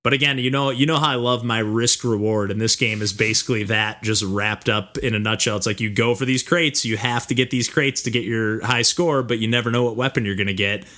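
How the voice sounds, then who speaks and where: A man's voice: fairly low pitch, steady tone, a little fast, few pauses, pushed and bright. A man hosting a casual podcast, talking in a rambling way full of "like" and "you know". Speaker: podcast host. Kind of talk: casual chat about video games.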